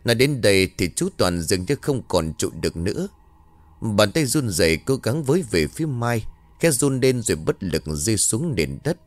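A man narrating a ghost story in a slow, dramatic scripted style. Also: on the low side, big pitch swings, dry recording.

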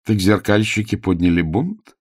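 Raising his fairly low voice above its natural pitch, a man performs an animated audiobook character reading at a moderate pace, recorded in studio quality without echo. The character is a beautiful, melodious noble lady from a storybook, sweetly coaxing and sing-song on the surface but cruel underneath.

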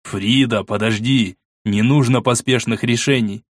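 A man's voice: mid-range voice, fairly even intonation, a little slow, no room sound, clean studio sound, close to an everyday voice. A man voicing a worried archduke who pleads with his wife in an earnest, insistent way. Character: worried, persuasive older archduke, husband.

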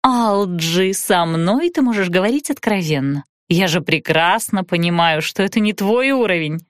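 A woman voicing a haughty, capricious young blonde woman who speaks in a drawn-out, imperious, snappish way. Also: lowish voice, animated, no room sound, clean studio sound, natural voice. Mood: condescending.

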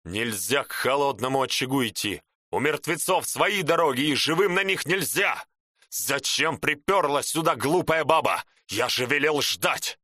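A man voicing a gruff, grumpy old shaman who barks and scolds, in a storybook reading. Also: lowish voice, slow, hardly any pauses, fairly bright tone, no room sound, studio quality. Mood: scolding. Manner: barking, scolding.

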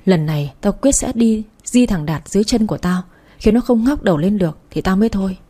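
Brief: woman reading an enraged young mother, bitter and insulting, in a warm, mellow tone. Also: mid-range voice, expressive, a little fast, breathy edge. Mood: bitter, vengeful. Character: furious young mother fighting for her baby.

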